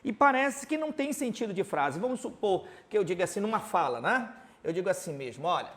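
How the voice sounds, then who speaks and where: Brisk and a bit bright, the man's voice sits high and swings widely in pitch. He's from Belém, Pará, Brazil, speaks with a Paraense accent, and runs a Portuguese grammar lesson at a board, jotting examples while constantly asking rhetorical questions and adding "tá?" to his lines.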